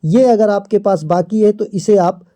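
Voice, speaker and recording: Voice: medium pitch, normal speed, dark tone. A host giving a screen-recorded walkthrough of an app, explaining each step steadily and pointing things out on screen. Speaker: crypto app tutorial host.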